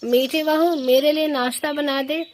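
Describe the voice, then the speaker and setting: A woman's voice: high-pitched, fairly even intonation, unhurried, slight background noise. Woman voicing a bossy old crow mother-in-law. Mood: scolding. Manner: scolding, commanding. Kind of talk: cartoon voice acting.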